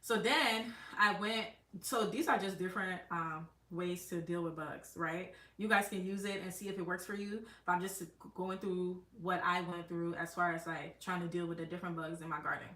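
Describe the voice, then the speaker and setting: A chatty woman hosts a gardening livestream, rambling through tips with frequent fillers and restarts. Her voice is bright and forceful, sitting fairly low for a woman. She sounds a bit distant from the mic in a roomy, echoing space. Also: steady tone, normal speed. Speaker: gardening channel host. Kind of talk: casual live-stream chat.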